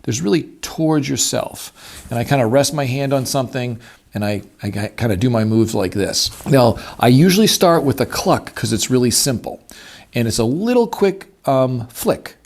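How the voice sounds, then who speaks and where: A man's voice: medium pitch, darkish tone. A man explaining a hands-on technique in an informal, folksy way, like an easygoing instructor. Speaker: hunting instructor demonstrating a turkey call. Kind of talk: casual hands-on tutorial. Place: at a wooden table. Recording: clear background noise, clicking of call.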